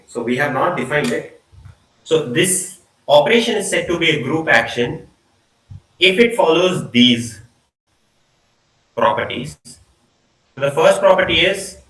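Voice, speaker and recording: Over a video call, a young man lectures informally on maths from a small room, his laptop mic picking him up from afar with an echo. His medium-pitched voice has a sharp tone, and he repeats words and trails off mid-explanation as a student lecturer.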